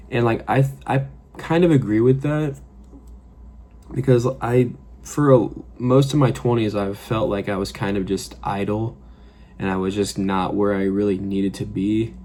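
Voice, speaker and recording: In his apartment, a fragrance vlogger in his late twenties speaks in a lowish, dark-toned voice. His reflective monologue is casual and rambling, loaded with profanity and filler words.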